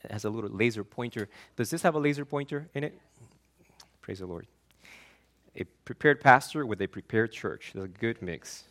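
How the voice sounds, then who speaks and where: An Argentine man, a pastor, delivers an earnest, emphatic sermon, frequently repeating and restarting words. His voice is medium in pitch and fairly bright, at a normal speed.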